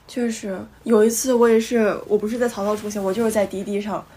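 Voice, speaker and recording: A woman in her twenties with a cold, co-hosting a podcast and telling a story in an animated way, with outraged retorts. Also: mid-range voice, quick pace, a little hiss or hum. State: has a cold. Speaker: podcast co-host. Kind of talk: casual chat.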